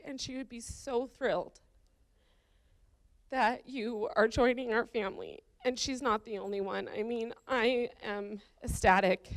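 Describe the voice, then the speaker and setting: A woman's voice: on the high side, no room sound. A woman giving a heartfelt wedding toast welcoming her brother's bride into the family. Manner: heartfelt, slow and careful. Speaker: groom's sister giving a toast.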